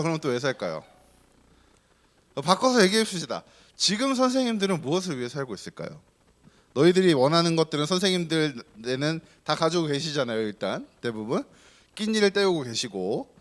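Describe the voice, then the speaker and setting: A man preaching as pastor to a group of children, keeping them engaged with questions and playful teasing. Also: fairly high pitch. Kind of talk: children's sermon.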